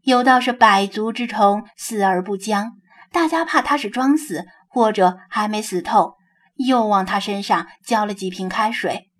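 A woman narrating a novel as an audiobook, in an even storytelling delivery. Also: mid-range voice, a little slow. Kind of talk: scripted narration.

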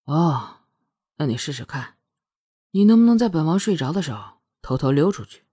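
A proud, self-assured prince, as a woman reader lowers her voice for him. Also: a little fast, warm tone, husky, no room sound, studio quality. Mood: drawling, confident. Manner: lazy, casual yet confident tone.

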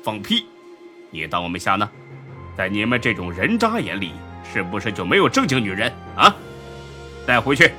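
A man's voice: deep voice, huge pitch swings, a little fast, long pauses, bright, forceful tone, faint music behind, heavily acted. A man doing a stern scolding police chief. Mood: indignant. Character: stern, righteous male police leader.

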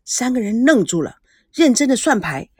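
Expressive woman narrating a novel. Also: a little high, normal speed, husky, no room sound, clean studio sound. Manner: expressive, storytelling.

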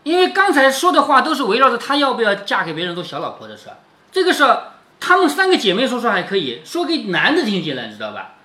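Lively, bright-voiced storytelling father. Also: very high voice, fast. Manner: explains the story in plain words, keeps asking "isn't it?"; playful, laughs along with his child. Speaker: father reading a classic novel aloud to his daughter. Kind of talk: storytelling read-aloud with chatty commentary.

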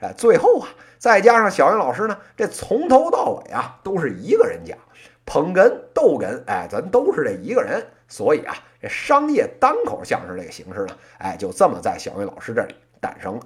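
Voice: mid-range voice, wildly swooping pitch, brisk. A podcast host in their late thirties with a Beijing accent, delivering a colloquial comic monologue in one-person crosstalk style, full of erhua and little interjections. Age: late 30s. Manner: colloquial plain speech with erhua and frequent interjections.

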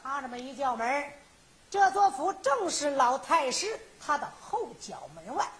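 A woman performing Henan zhuizi, moving between sung verse and brisk spoken dialogue. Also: sits high, sing-song. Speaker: folk ballad storyteller. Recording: loud folk instrumental accompaniment.

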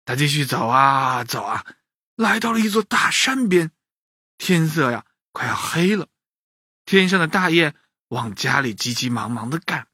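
A man narrating a children's bedtime story, lively and speaking to the kids directly. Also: fairly high pitch, a little slow, breathy edge, dry recording, clean studio sound.

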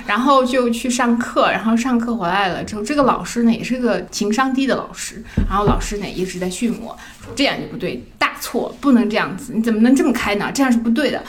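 On a podcast, a woman in her thirties chats casually through personal stories, frequently laughing and mimicking the voices of people she quotes. Her voice is mid-range, with slight background noise in the recording.

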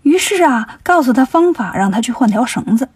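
High-voiced woman telling a children's story. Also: fairly quick, husky, no room sound, clean studio sound. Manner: lively, playful, shifts voices for each character.

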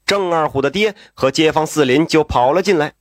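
A man telling a story in a traditional storytelling style, lively with folksy asides and exclamations. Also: fairly high pitch, brisk, no echo, studio quality.

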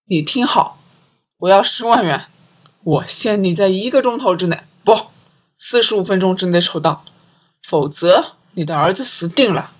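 A woman's voice: medium pitch, animated, moderate pace, natural voice. A woman reading an audiobook, voicing a cunning male kidnapper who makes cold, threatening demands.

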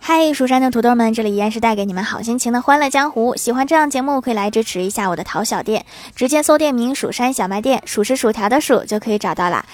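Brief: bright-voiced woman host, higher pitch, reads comic jokes with lively, chuckling punchlines. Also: quick pace, hardly any pauses, no room sound, faint music behind. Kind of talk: scripted comic joke storytelling.

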